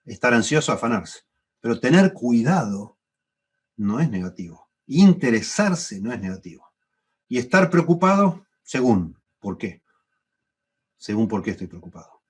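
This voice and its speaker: A man's voice: big pitch swings, moderate pace, breathy edge. A middle-aged man with a Rioplatense Spanish accent teaching a Bible class at church, thoughtful and repeating phrases for emphasis. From Argentina. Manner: thoughtful, repeats phrases for emphasis, rises in pitch when stressing points.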